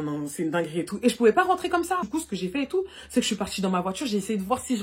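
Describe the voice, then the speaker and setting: A young woman vlogger telling a personal story in a casual storytime monologue, animated and full of fillers, recorded on a phone. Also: fairly high pitch, slightly rough. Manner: rapid and animated, full of fillers like "et tout" and "du coup".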